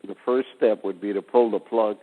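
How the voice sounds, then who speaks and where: Deep-voiced man on a tinny phone line. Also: steady tone, in a large hall. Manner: slow, deliberate wordplay explanations. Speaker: guest speaker. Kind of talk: casual phone conversation.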